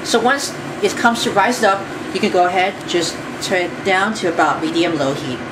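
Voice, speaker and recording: A woman walks viewers through a recipe in her home kitchen, chatty and repeating herself as she stirs. Her voice sits a little low and sounds distant from the mic. Loud appliance noise runs under everything. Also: moderate pace. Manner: step-by-step, chatty, repeats phrases. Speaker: cooking show host. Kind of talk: home cooking demonstration.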